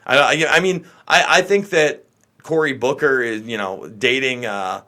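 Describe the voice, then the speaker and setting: An American man hosting a show delivers casual, unscripted political commentary, blunt, exasperated and full of opinion. His mid-range voice sounds pushed and bright, and he talks a little slowly.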